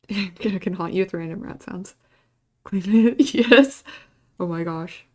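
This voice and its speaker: A young woman streams live, chatting easily with her viewers. She talks slowly, at a middle pitch, with a laid-back manner and frequent giggles. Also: a little mellow. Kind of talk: casual live-stream chat.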